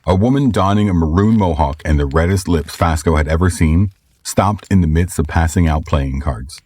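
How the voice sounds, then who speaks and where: Deep, husky male storyteller. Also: normal speed, a little mellow. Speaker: narrator. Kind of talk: scripted audiobook narration.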